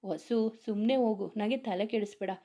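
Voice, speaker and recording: A woman's voice: medium pitch, normal speed, mellow, lightly acted. A woman voicing a bossy but affectionate young sister-in-law who scolds firmly. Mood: scolding. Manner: scolding, then doting.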